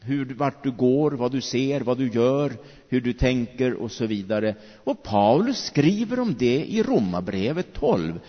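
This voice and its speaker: A man preaching a sermon as pastor, with animated delivery and slow, drawn-out emphatic phrases. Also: medium pitch. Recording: dull recording with long hall reverb.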